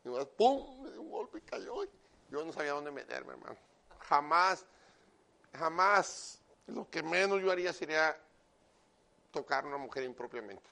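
A man delivers a sermon in a loud, emphatic voice with a gravelly edge. His voice sits somewhat high for a man, and he talks straight to his listener, mixing earnest preaching with joking asides. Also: a little fast. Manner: animated, with joking asides and repeated direct address to the listener.

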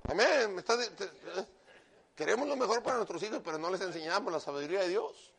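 A man preaching a sermon loudly and emphatically, with joking asides and frequent direct address to his listener. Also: high-pitched, fast talker. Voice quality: loud, emphatic delivery.

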